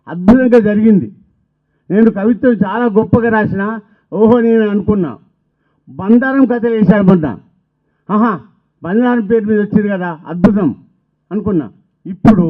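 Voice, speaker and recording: A man with a fairly high voice reminisces at a book launch, pausing after every short phrase. The recording is thin and phone-like, as if heard down a narrow line. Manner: halting, phrase-by-phrase delivery. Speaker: speaker at a novel launch. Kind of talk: reminiscing speech. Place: stage at a book launch event. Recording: tinny phone-like sound.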